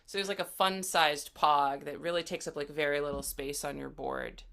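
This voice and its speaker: An American woman of around thirty is an interview guest, a guitarist and songwriter who chats and explains things casually. Her voice is low and a bit bright, with a steady tone, vocal fry, and a normal speed.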